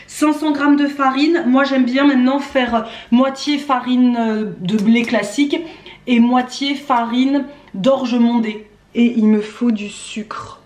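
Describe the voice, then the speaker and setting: With a slightly high, darkish voice, a woman in her thirties speaks slowly and in a steady tone while cooking at home, explaining each stage of a recipe for her casual cooking vlog. The indoor kitchen sound is echoey, with music behind her and a little hiss or hum.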